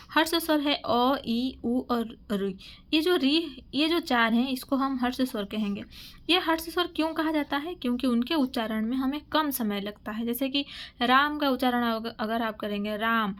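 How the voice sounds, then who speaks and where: A woman teaching a grammar lesson for exam prep, asking questions and answering them herself, often repeating and correcting herself. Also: high voice.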